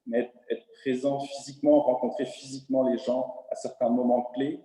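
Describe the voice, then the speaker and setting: Hesitant French man, dark echoey voice. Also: mid-range voice, level tone, normal speed. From France. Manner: hesitant, many fillers and restarts. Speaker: panelist entrepreneur. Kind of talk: webinar panel talk. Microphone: video call.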